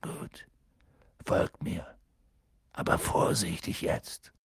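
A man reading as a gruff giant gamekeeper, wary and short-tempered, his voice gravelly and husky. The reading is close and dry, with no room around it. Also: fairly high pitch, animated, normal speed, no room sound, pitched above the performer's own voice, heavily acted. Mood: wary murmur. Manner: grumbling, then loud and pressing. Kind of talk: audiobook character voice.

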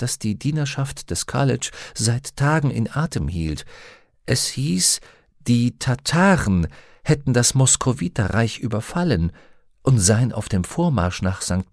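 Gravelly male audiobook narrator. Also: mid-range voice, dry recording, clean studio sound. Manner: steady, measured storytelling. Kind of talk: scripted narration.

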